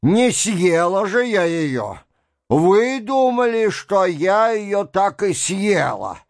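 A domineering, furious noblewoman, voiced by a man reading a novel aloud hurls reproaches and orders in a raised voice. Her words come slowly and heavily, in a dry, close recording. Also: mid-range voice, big pitch swings, dry recording, voice pushed up. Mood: commanding. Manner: shouting, reproachful, commanding. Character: imperious furious noblewoman, middle-aged, domineering. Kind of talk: audiobook reading.

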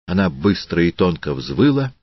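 A man reading a literary audiobook in a slow, deliberate, solemn manner. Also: low-pitched, sing-song, husky, no room sound, lo-fi sound. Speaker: audiobook narrator.

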